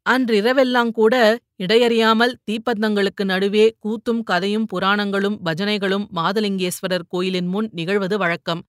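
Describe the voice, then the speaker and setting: A woman narrating a novel in an even, measured reading voice. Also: medium pitch, no echo, studio quality. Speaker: audiobook narrator.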